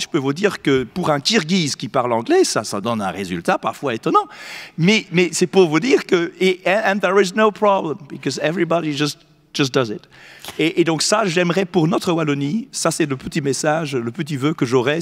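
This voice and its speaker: A man, an academic guest on a panel, tells an anecdote in a lively way and slips into English phrases. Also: a little high. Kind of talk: panel discussion. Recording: long hall reverb.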